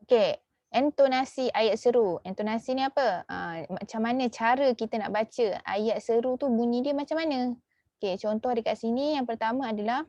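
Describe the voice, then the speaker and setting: A woman with a Malaysian Malay accent teaching a lesson, filling her talk with "okey" and "ha" and repeating key words slowly. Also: on the high side, a little mellow, dry recording, muffled recording. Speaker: religious school teacher. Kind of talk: online class lesson.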